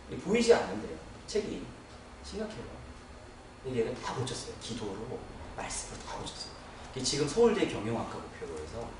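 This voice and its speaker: A male pastor tells a story from the pulpit, his pitch jumping up and down as he acts out each person's lines. He sounds distant from the mic in a very echoey church hall, with clear noise behind him. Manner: animated storyteller who acts out dialogue. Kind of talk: sermon testimony storytelling.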